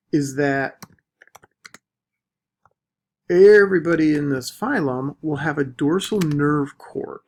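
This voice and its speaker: A man teaching a recorded biology lecture, deliberately stressing the key terms. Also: fairly high pitch, darkish tone. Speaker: biology instructor.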